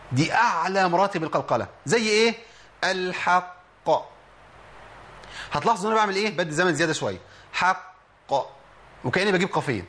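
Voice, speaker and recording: A man's voice: fairly high pitch, a bit bright, a little hiss or hum. A man with an Egyptian Arabic accent teaching a Quran recitation lesson, asking questions and answering them himself while demonstrating the sounds. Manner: explains by demonstrating sounds, asks and answers his own questions. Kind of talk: tajweed lesson.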